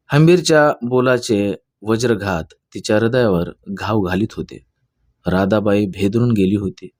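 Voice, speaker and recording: A man narrating a novel aloud in a steady storytelling manner, with quarrels read lightly in dialogue. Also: fairly low pitch, no room sound, clean studio sound. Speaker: audiobook narrator. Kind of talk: reading a Marathi novel aloud.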